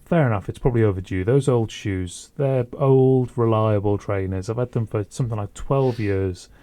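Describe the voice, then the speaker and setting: A young man, co-hosting a podcast in an easy, casual chat. His voice is low and mellow, and he tells rambling stories full of small restarts. The tone stays warm and unhurried. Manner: rambling, anecdotal storytelling with restarts. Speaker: podcast co-host.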